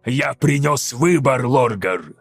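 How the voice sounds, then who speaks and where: A man voicing an ancient, hunched two-headed vulture demon in an audiobook, speaking in slow, grave, hissing pronouncements with a husky voice. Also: medium pitch, lively intonation, no room sound, soft background music, heavily acted. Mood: grave, ominous.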